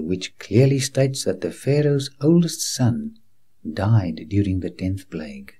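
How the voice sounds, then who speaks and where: Slow, husky male documentary presenter. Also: fairly low pitch, warm tone. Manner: speaks directly to the viewer as a friend, earnest and reassuring; guides the viewer like a tour guide on location. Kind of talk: scripted documentary narration with preaching asides.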